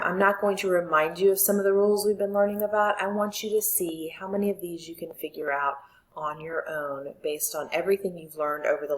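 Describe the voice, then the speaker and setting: A woman's voice: on the low side, poor audio. Patient woman teaching a spelling lesson. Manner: clear, patient instructions to students. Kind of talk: recorded spelling lesson for children.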